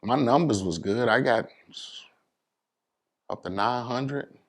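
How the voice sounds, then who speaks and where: An American interview guest from New York City speaks slowly at a medium pitch. The conversation is casual and colloquial, and he keeps tossing in "you know what I'm saying" among other check-in phrases.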